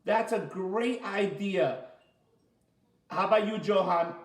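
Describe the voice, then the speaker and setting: In a room with lots of echo, a high-pitched male martial arts coach leads children's story time. He keeps it chatty and interactive, encouraging the kids, praising them, and repeating simple, slow explanations.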